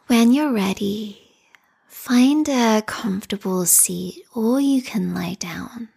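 A woman leading a guided meditation in a calm, soothing, meditative tone, with a soft, breathy, whispery voice. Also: on the high side, slow.

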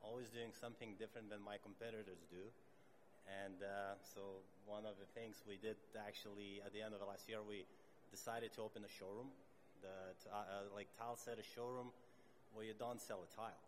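A man from Lithuania, a tile setter introducing himself deliberately on a panel. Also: lowish voice, fairly even intonation, a little hiss or hum.

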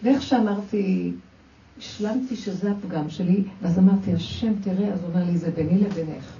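In a distant, dull, roomy recording with slight background noise, a woman teaches a religious lesson to a women's class. Her voice is warm and mid-range with fairly even intonation, and she tells personal stories, acts out quoted lines, and talks straight to her listeners.

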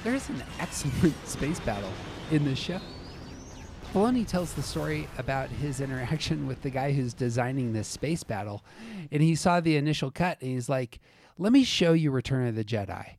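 A man's voice: medium pitch, lively intonation, moderate pace, background noise. A man hosting a podcast, casually recapping and discussing a TV episode, narrating scenes as he goes. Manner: narrates scenes, reads out quotes, laughs easily. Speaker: podcast host.

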